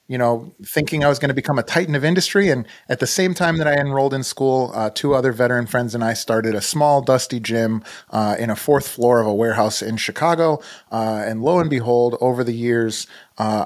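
Thoughtful man with a mid-range voice. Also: mid-range voice. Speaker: podcast guest, entrepreneur. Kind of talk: reflective conversational interview.

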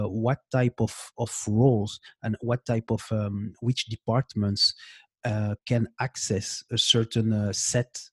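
Guest expert, thirties, from Belgium, halting delivery, dry close mic. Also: male voice, fairly low pitch, a little mellow, slightly rough, no room sound. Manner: hesitant, many fillers and restarts. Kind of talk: interview answers.

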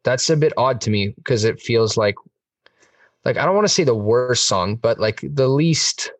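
A man's voice: medium pitch, animated, moderate pace, dry recording, distant mic. A man chatting on a music podcast, enthusiastic and rambling, with lots of fillers. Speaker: podcast host. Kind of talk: casual music podcast chat.

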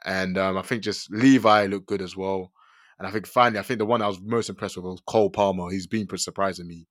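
A man's voice: low voice, fairly even intonation, quick pace, a bit bright, dry recording, studio quality. A young man with a London accent hosting a casual, slangy sports chat, often repeating and rephrasing himself. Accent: London, urban slang. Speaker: podcast host.

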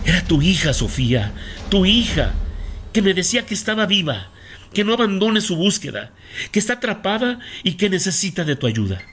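A man's voice: fairly high pitch, sing-song, a little fast, hardly any pauses, a bit bright, slight background noise, pitched above the performer's own voice. A man voicing an intense woman psychic in a spoken story, talking urgently and emphatically.

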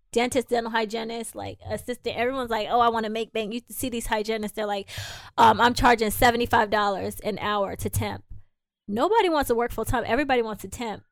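A woman with a fairly high voice, recorded without echo, co-hosts a casual podcast chat. She's a dental hygienist who owns her own practice, and she animatedly acts out the people she quotes.

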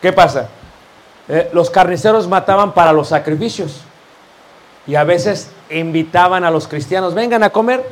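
A man's voice: high voice, moderate pace. A man preaching a sermon, firing rhetorical questions at his congregation and addressing them as brothers.

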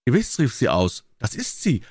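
Chatty older landlady in a storybook, read by a man, lively lilt, dry close sound. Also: mid-range voice, normal speed, breathy edge, no echo. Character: respectable elderly London landlady, chatty.

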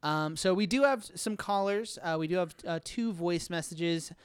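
Male podcast host, casual and jokey, smooth voice, dry sound. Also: high voice, moderate pace, no echo. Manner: laid-back, joking, lots of fillers.

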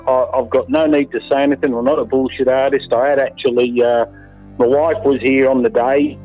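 A man's voice: medium pitch, steady tone, brisk. Australian man, middle-aged, emphatic casual storyteller, phone-quality audio. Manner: emphatic, swears casually, repeats himself. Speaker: interviewee, landowner. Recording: phone-like line with faint music.

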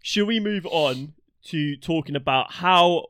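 A man co-hosting a casual football podcast, animated and opinionated, often restarting his sentences. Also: fairly high pitch, measured pace, clear, resonant tone, no room sound, studio quality. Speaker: podcast co-host.

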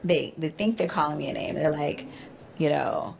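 Low-pitched woman, gravelly voice, faint background noise, casual storytelling podcast guest. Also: moderate pace. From United States. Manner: animated storyteller, acts out quotes. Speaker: podcast guest, event organizer. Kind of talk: casual interview chat.

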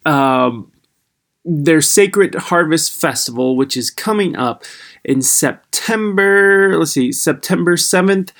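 American male podcast host, slightly higher voice, loose off-the-cuff rambling delivery, tinny built-in computer microphone sound. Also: expressive, slow, fairly bright tone. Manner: rambling, searching for words, mildly self-deprecating. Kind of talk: casual, unscripted podcast intro.

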